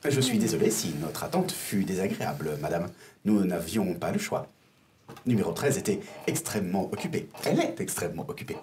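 A stiffly polite humanoid robot with a clangy, metallic voice, as a man puts it on while running a tabletop game. It speaks with formal, mechanical courtesy and sits a little higher than his usual pitch. There is a faint hiss behind it. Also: animated, brisk, a little mellow. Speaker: game master. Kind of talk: voicing a figure in a tabletop game.

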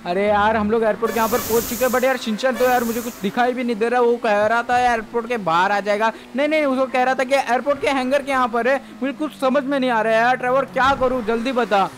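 Guy doing an anxious young dude, rambly and worried, kinda high. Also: steady tone, fast talker, hardly any pauses, fairly bright tone, a little hiss or hum.

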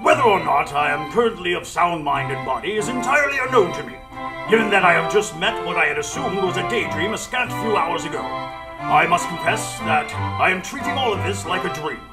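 An actor playing a loyal, exasperated English gentleman doctor, formal and wordy, in a live radio drama. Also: sits high, lively intonation, a little fast, loud music behind the voice. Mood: reflective narration. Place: live stage before an audience.

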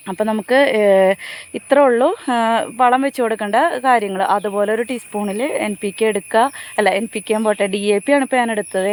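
A woman talks quickly and casually as she shows her garden. Her speech is chatty, and she keeps adding a friendly "you know" to her lines. She is recorded outdoors on a phone, with faint crickets and country ambience behind her. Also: mid-range voice, slight background noise. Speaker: gardening channel host.

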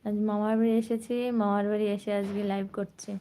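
A woman's voice: medium pitch, flat delivery, quick pace, dark tone. A young woman from West Bengal with a sore throat, chatting casually on a live stream and greeting viewers by name. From West Bengal, India.

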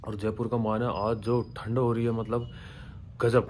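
A young man, the father of infant twins, talking softly and slowly in a casual home vlog so the babies can sleep. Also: on the low side, flat delivery, a little hiss or hum.

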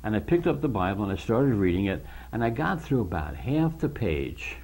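A man tells the story of his conversion in an earnest, emotional way, acting out the conversations he remembers. His voice sits fairly low and sounds husky, and at times he sinks into a near whisper. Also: big pitch swings, quick pace. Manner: earnest, emotional, quotes others in dialogue; voice drops to soft whispers at moments. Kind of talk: personal testimony, storytelling.

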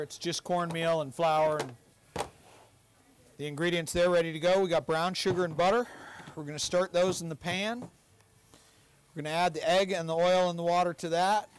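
Wearing a lapel mic outdoors, with an open yard and covered grill deck around him, a middle-aged man from Hawaii, United States, presents casually to camera as a chef and restaurant owner. He has an American accent and a clean voice on the high side.

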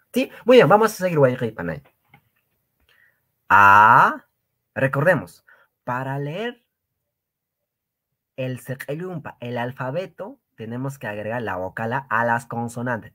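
Animated man teaching a language. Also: medium pitch. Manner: animated, drills sounds with exaggerated repetition; addresses viewers as brothers and sisters. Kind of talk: livestreamed language lesson.

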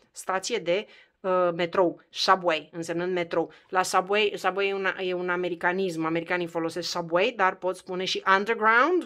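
A woman's voice: mid-range voice, fairly bright tone. Woman teacher drilling English words aloud. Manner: repeats words slowly to drill pronunciation; conversational, addresses the learner directly with questions. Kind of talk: spoken English lesson for Romanian learners.

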